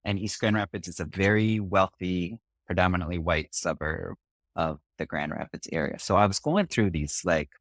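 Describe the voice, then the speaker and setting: A community organizer from Singapore working on racial justice tells his story in an interview. His voice sits low and a bit bright, at normal speed with no room sound. He speaks thoughtfully, often checking in with "right?"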